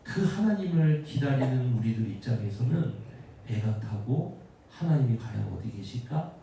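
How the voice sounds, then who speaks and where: A man's voice: medium pitch, expressive, normal speed, creaky, mellow, a little hiss or hum. A male pastor preaching with emphasis and putting direct questions to his congregation. His voice rings through a very echoey church sanctuary. He is picked up from some distance off the mic. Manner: emphatic, calls to the congregation, rises to fervent prayer. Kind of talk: sermon.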